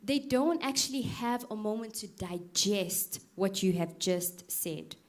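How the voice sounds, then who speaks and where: This woman's mid-range voice moves a little slowly as she leads a live public speaking workshop. Directly quizzing her listeners, she livens things up by performing clumsy filler words and reactions for effect.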